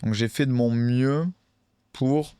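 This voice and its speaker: A man talking casually on a podcast, with a smooth, resonant voice. He hesitates often and restarts his sentences. The sound is dry, close to the microphone. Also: medium pitch, fairly even intonation, takes it slowly, dark tone, no echo. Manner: hesitant, many fillers and restarts. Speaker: podcast co-host, card game player.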